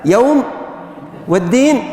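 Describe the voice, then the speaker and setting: A man's voice: very high voice, expressive, unhurried, warm tone. A middle-aged man, a grammar professor giving a classroom lecture and quizzing his students in call-and-response drills. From Saudi Arabia. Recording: echoey lecture hall.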